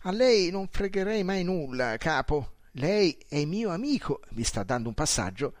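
A sly little rat-eyed pickpocket, as a male reader puts him on, smug and proud of his quick fingers. The voice sits raised and lively, swinging up and down as he gloats over his loot. It is read close and dry, with no room sound around it. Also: a little high, dry recording, pitched above the performer's own voice. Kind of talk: audiobook character voice.

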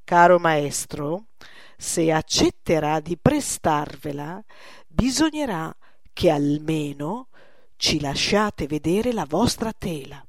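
A woman's voice: low voice, lively intonation, slow, dry recording, studio quality, heavily acted. A woman voicing a male painter, coaxing and emphatic. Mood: persuasive. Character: middle-aged male painter, persuasive.

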